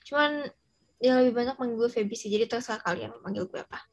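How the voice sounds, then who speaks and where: A teenage young woman with a soft, non-rolled R, chatting casually and informally as a podcast co-host. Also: a little high, quick pace, creaky. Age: teens. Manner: chatty, informal, slang with English mixed in.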